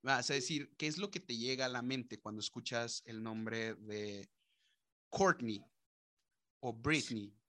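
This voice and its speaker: A man's voice: medium pitch, slow pace, pushed and bright. A man with a Mexican accent co-hosting a casual podcast, joking in slang and mimicking people. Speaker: podcast co-host.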